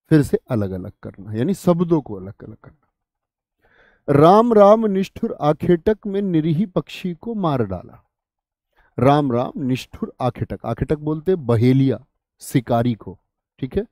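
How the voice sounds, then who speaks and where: A man's voice: a little high, mellow, no echo. Dry-voiced male Hindi teacher quizzing students. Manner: asks questions and answers them himself, repeats answers; addresses students familiarly, 'bhai sahab', 'dost'. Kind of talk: online exam-prep lesson.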